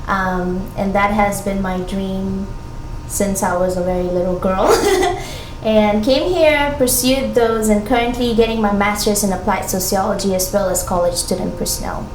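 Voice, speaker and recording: A young woman from Ghana, an international graduate student, speaking reflectively and earnestly in a documentary interview, with frequent pauses and ums. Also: medium pitch, a little hiss or hum. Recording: roomy sound with background music.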